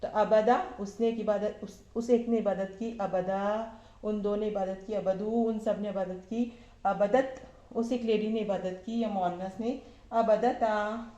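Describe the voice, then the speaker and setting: A woman teaching Arabic verb forms to a class of women, asking questions and answering them herself, repeating each form slowly. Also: mid-range voice, steady tone, dark tone, roomy sound, lo-fi sound. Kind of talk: slow classroom lesson.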